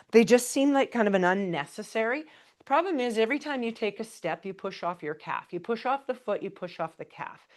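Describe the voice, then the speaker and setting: A woman pilates instructor leading a live exercise class, calling out counts and breath cues in a chatty, encouraging way. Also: medium pitch. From Canada. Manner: chatty, laughs between cues.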